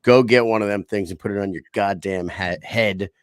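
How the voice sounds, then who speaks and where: A man's voice: lowish voice, moderate pace, clean tone, no room sound, studio quality. A man hosting a casual podcast, swearing freely and hyping things up in street slang. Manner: profane, hype-man banter with street slang. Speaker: show host.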